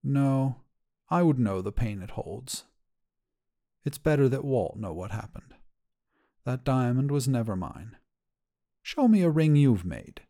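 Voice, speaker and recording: In an audio short story, a man voices an elderly widowed grandmother, his tone mellow and soft-edged and pitched slightly above his narrating voice. She talks earnestly and wistfully with gentle resolve, animated yet a little slow, often pausing. The mood is tender and resolute, and the character is older.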